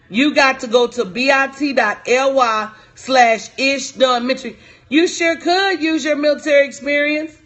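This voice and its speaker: A woman's voice: high voice, a bit bright. A woman in her forties, a business coach, talking casually and emphatically on a live stream while answering viewers' comments. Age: 40s. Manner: emphatic, repetitive, casual and direct.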